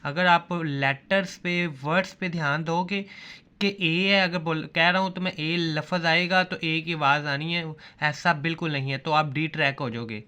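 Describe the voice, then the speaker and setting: Man, shorthand teacher, bright clear voice, drills students by asking and answering himself. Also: a little high, steady tone, normal speed. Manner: repeats questions and answers them himself. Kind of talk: classroom lesson.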